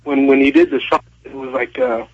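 A man phones into a talk radio show, his voice thin and tinny through a cell phone. The line sounds dull and lo-fi. He talks haltingly and hesitantly, with lots of fillers. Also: mid-range voice, fairly even intonation, husky. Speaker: caller.

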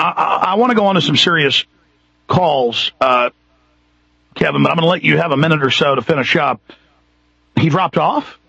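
A husky, slightly high male voice with vocal fry and a sharp tone delivers an impassioned talk radio monologue in a Texas accent. He rants emphatically, piling up repeated points with building intensity. It sounds like a muffled radio broadcast, with no echo.

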